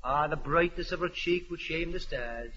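A man's voice: fairly high pitch, normal speed, bright, forceful tone, breathy edge. An actor playing a naive, eager young man who wants to act, earnest and overdramatic when he recites. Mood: hammy. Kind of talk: 1940s radio comedy acting. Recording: muffled old radio recording.

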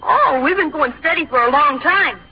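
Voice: high-pitched, expressive, moderate pace. A performer playing a cocky, condescending teenage boy who shows off his maturity in an old-time radio comedy. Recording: dull lo-fi old radio recording.

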